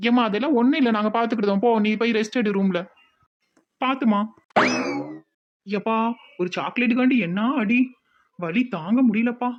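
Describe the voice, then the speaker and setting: A woman voicing a cheeky young village woman in a cartoon, with a Tirunelveli Tamil accent, talking back quickly. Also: fairly high pitch, muffled recording, a little hiss or hum, close to an everyday voice. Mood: defiant. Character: sassy young village woman, elder daughter.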